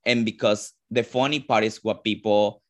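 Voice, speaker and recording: Man, Venezuelan Spanish accent, fairly low pitch, casual interview talk, searches for words, lots of fillers. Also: steady tone, moderate pace. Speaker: drag performer, guest.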